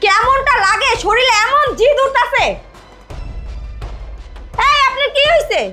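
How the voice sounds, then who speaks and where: Woman doing a bossy young bengali wife, super high shrill voice, nagging nonstop, music under it. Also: measured pace. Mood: scolding. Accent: Bangladeshi Bengali. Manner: scolding, nagging, shouting. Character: shrill bossy young wife berating her mother-in-law. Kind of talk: amateur short drama acting.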